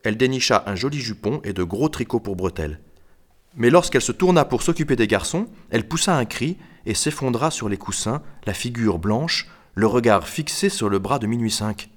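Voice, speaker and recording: A man narrating a children's storybook with an expressive, lively delivery. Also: medium pitch, moderate pace. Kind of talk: audiobook narration.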